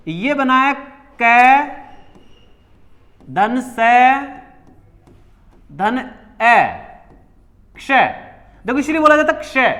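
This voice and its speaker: A man's voice: very high-pitched, fairly bright tone. A male teacher giving a classroom grammar lesson, repeating key words and asking questions that he answers himself. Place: coaching class.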